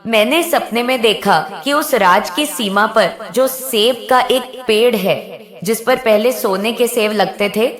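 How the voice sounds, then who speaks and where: A woman voicing a cunning, gentle old foster mother in a cartoon story, speaking in a soothing, coaxing way. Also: fairly high pitch, slow pace. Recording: roomy echo.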